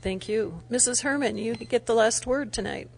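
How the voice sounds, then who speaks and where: A woman's voice: a little high, moderate pace, creaky, a little hiss or hum. A woman moderating a candidate forum, polite and brief.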